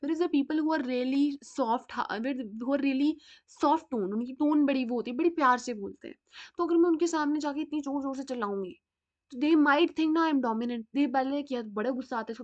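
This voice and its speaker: A North Indian woman teaches a psychology class in a chatty way and keeps asking her students rhetorical questions. Her voice sits high. The recording sounds a little dull and lo-fi. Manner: chatty, switches between Hindi and English, asks rhetorical questions. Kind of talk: classroom lecture.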